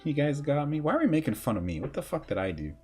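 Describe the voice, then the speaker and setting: A young man co-hosting a podcast, telling profane comic stories and leaping into high mocking voices. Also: sing-song, fast talker, mellow, slightly rough, faint music behind. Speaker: podcast co-host. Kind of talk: casual comedic banter.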